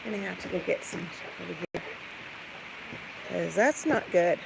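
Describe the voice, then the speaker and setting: A woman's voice: on the low side, moderate pace, vocal fry. Woman chatting casually over noisy farmyard clucking. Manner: rambling, thinking aloud while busy with chores; coos and chats to animals in questions. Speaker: livestream host doing farm chores. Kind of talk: casual chatty livestream walk-about, talking to viewers and animals. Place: farmyard, barn and chicken coop. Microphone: handheld phone or camera. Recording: noisy handheld farm recording with poultry sounds. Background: clucking chickens, rooster, farm ambience.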